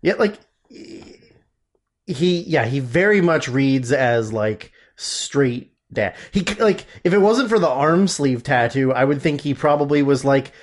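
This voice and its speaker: A man's voice: mid-range voice, lively intonation, slow pace. A man co-hosting a casual podcast, rambling with lots of fillers and restarts while he looks things up. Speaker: podcast co-host.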